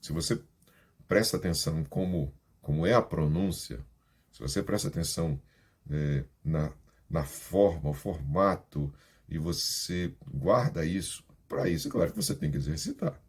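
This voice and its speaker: A Portuguese-speaking man teaching Spanish pronunciation by reading scripture aloud, stressing each sound and repeating words slowly to drill them. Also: extremely low pitch, lively intonation, darkish tone, husky.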